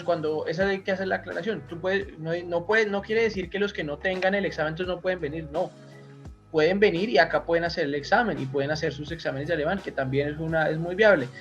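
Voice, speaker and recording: A Colombian man, a doctor, talking casually in an interview, rambling with many restarts and asides. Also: a little high. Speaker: guest doctor. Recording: slightly dull audio with faint music.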